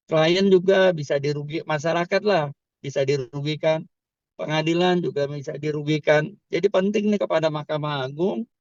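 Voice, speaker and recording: Male legal pundit, emphatic explainer, slightly high pitch, dry and slightly muffled recording. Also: vocal fry, darkish tone, dry recording. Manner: emphatic, explanatory, repeats "kan" and "tuh". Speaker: criminal law expert. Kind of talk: interview answers.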